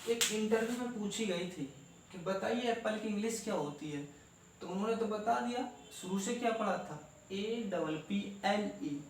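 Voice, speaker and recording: A man teaching an English grammar lesson, asking questions and answering them himself and spelling out letters one by one. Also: high voice. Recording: echoey room, voice from far off, faint noise.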